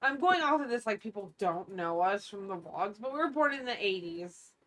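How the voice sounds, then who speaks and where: A woman's voice: mid-range voice, animated, normal speed, fairly bright tone. A woman in her late thirties co-hosting a podcast, talking in a rambling, casual way with lots of fillers and trailing sentences. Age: 30s. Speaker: podcast co-host. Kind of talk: casual chat.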